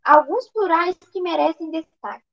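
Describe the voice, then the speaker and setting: An exam prep tutor with a Brazilian accent gives an online grammar lesson in a very high-pitched, creaky voice at a moderate pace. She fields her own questions and often restarts, and the audio sounds dull.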